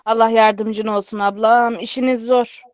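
An actress plays a doting, sighing aunt in a radio play. Her voice is high, and she talks in a motherly, folksy way. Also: level tone, normal speed, clean tone, highs cut off, natural voice. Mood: sighing, concerned. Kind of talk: Turkish radio theatre acting.

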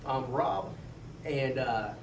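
A man's voice: medium pitch, lively intonation, drawn-out words. A middle-aged man with an American accent hosting a casual podcast, rambling and joking. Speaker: podcast host. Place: echoey room, away from the mic. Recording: echoey room, distant mic, faint noise.

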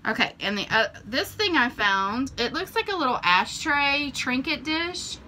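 Her high voice sing-song, pushed and bright at a measured pace, a woman presents flea market finds in a cozy, chatty show-and-tell vlog full of ums. The low-quality camera-mic recording from a small shelved room has a little hiss or hum.

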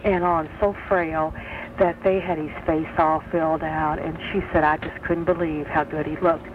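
Woman, chatty meandering storyteller, old worn answering-machine tape, thin phone sound with loud hiss. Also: deep voice, little pitch movement, moderate pace. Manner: chatty, meandering, retells conversations in detail. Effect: played from an old worn cassette tape. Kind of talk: rambling personal storytelling on a message. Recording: tinny phone line, heavy tape hiss.

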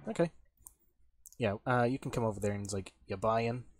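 A man's voice: on the low side, expressive, brisk, a little hiss or hum. A man running a tabletop game as game master, narrating casually with lots of fillers, restarts and swearing. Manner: rambling, many fillers and restarts, swears freely.

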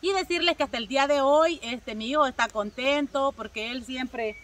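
A Salvadoran woman with a high, bright voice tells a casual story straight to her viewers, using many filler words and calling them her people. She sits a little back from the mic, so her voice sounds slightly distant. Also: moderate pace. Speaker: vlogger.

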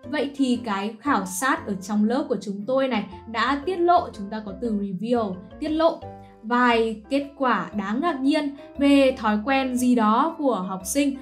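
A woman teacher explaining a lesson patiently and clearly, often checking in with questions to her students. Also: a little high. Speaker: English teacher.

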